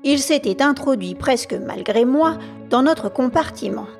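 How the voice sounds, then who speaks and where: Woman reading a detective story aloud, gravelly fry in her voice, soft music behind. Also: high voice. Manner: steady, measured storytelling. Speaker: podcast storyteller. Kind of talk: audiobook narration.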